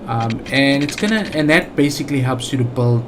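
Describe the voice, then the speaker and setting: A gaming channel host with a South African accent talks at a mid-range pitch and a slightly quick pace over a noisy background. His let's play commentary is casual, and he thinks out loud with plenty of fillers and restarts.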